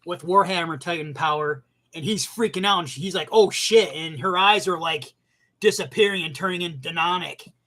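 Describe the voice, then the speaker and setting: A man giving a casual, profane rant as an anime commentator, animated and bursting into shouts. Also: fairly high pitch, fairly quick.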